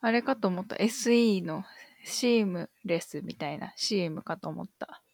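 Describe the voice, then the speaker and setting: A woman's voice: mid-range voice, normal speed, creaky, a little mellow, no echo. A woman co-hosting a casual podcast, guessing answers aloud and agreeing often in short affirmations. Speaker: podcast co-host answering quiz.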